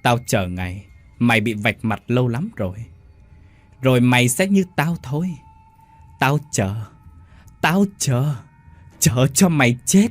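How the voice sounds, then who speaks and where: A man's voice: medium pitch, measured pace, long pauses, no room sound, faint music behind, natural voice. A man voicing a vengeful drowned female ghost with a gurgling, waterlogged voice, menacing and gloating. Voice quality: gurgling, as if underwater.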